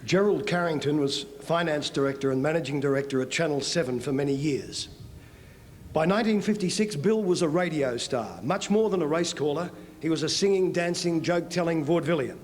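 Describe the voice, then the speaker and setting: A man giving scripted television narration in a measured storytelling way. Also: fairly high pitch, slight background noise. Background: faint music bed.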